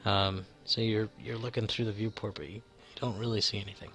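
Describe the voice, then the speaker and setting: Low-voiced rambling game master. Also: male voice, steady tone, fairly quick, a bit bright, faint music behind. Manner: rambling, full of fillers. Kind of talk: narrating a tabletop game.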